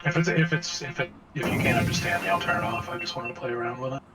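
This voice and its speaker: A man's voice: mid-range voice, lively intonation, fast talker, loud music behind the voice. A man chatting casually on a voice call through a robotic voice modulator, a little apologetic. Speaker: player on a voice call. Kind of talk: casual chat.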